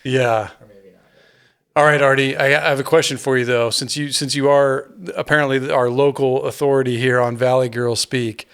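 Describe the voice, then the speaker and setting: A man co-hosting a podcast, chatting casually in a mid-range voice. He talks with dry, self-mocking humor and keeps a relaxed back-and-forth going. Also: mid-range voice, normal speed, clear, resonant tone. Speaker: podcast co-host. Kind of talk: casual chat.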